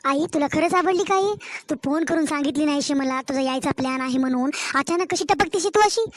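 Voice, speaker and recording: A high, chatty young married daughter in a cartoon story, as a woman acts her out. She sweet-talks and coaxes in a drawn-out manner. The voice-over is recorded close and dry, with no room sound. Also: no echo, close to an everyday voice. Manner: chatty, coaxing, drawn-out village-style talk.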